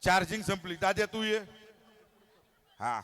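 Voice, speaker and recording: A man with a bright, high-set voice emcees a live outdoor stage show on a handheld mic. He coaxes and teases children in a playful way. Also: sing-song, unhurried. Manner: playful, coaxing, teasing. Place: outdoor stage at a hotel lawn.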